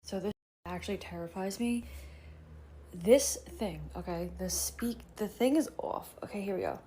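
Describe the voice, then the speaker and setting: A woman speaking quietly and uneasily, often dropping to a half whisper. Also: medium pitch, moderate pace, background noise. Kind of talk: hushed phone clip.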